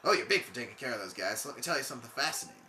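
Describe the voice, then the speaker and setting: A let's player voicing an excitable male rock creature, with a laid-back surfer drawl and a bit of hillbilly twang, who keeps calling the listener "bud.". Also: medium pitch, very fast, echoey room, a little hiss or hum.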